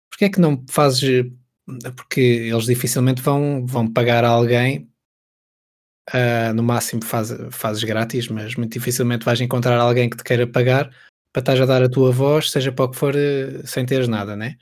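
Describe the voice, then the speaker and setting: A man's voice: mid-range voice, level tone, moderate pace. Chatty young Portuguese podcast co-host man. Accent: European Portuguese. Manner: chatty, advising, slangy with bué and puto. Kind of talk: casual podcast chat.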